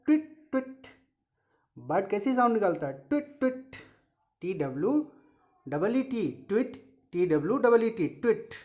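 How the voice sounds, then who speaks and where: A woman's voice: medium pitch, big pitch swings, normal speed, mellow. A woman teaching young children animal sounds, spelling each word letter by letter and imitating the calls.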